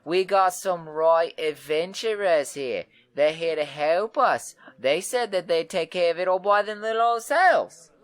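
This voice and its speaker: A man doing a shrill rowdy tavern woman. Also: wildly swooping pitch, moderate pace, a bit bright, heavily acted. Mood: excited, rowdy. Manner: boisterous, brash, bossy. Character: wiry excitable bawdy red-haired tavern woman.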